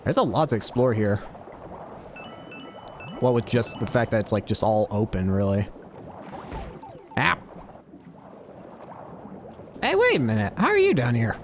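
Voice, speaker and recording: A man's voice: lowish voice, huge pitch swings, moderate pace, pauses often, soft background music. A man giving casual, offhand video game commentary, rambling to himself, with some static on the mic.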